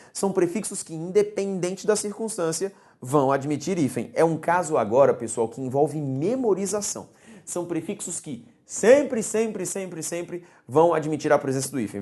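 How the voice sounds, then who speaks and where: Low, warm woman teacher, didactic lesson delivery, repeats key points. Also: expressive, normal speed. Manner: didactic, repeats key words, checks in with "tudo bem?". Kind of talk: recorded grammar lesson.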